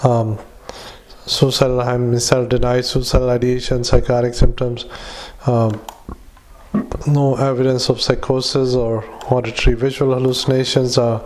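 A man dictating clinical notes as a clinician, halting often with fillers, speaking in clipped phrases and formal medical dictation style. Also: medium pitch, little pitch movement, a little mellow. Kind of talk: medical dictation with spoken punctuation.

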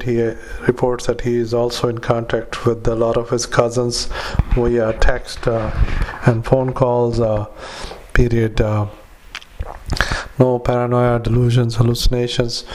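A doctor dictating notes into a dictaphone recording in a halting, flat manner, with many filler pauses, spelling words out and saying punctuation aloud. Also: male voice, medium pitch, slight background noise. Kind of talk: medical dictation.

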